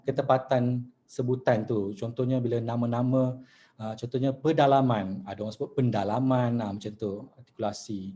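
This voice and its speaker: A man with a Malaysian accent runs an online masterclass on news presentation, chatty and relaxed, mixing in English words and reading out sample news lines. He speaks at medium pitch and a moderate pace.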